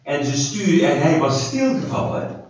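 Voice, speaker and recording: A man preaching to a small group, his lively voice rising and falling as he restarts his sentences and asks questions. He is heard from across an echoey hall on a distant, dull-sounding mic with a faint hiss behind him. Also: fairly high pitch, normal speed. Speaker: preacher leading a Bible study. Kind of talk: informal Bible teaching with questions to the group.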